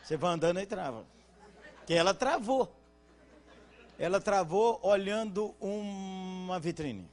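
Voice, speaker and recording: A man with a Brazilian Portuguese accent preaching at a conference, joking with the congregation and asking them to respond, then dropping into quiet, earnest teaching. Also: high-pitched, expressive, unhurried, pauses often. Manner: swings from loud jokes to quiet earnest teaching. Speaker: pastor. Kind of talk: conference sermon.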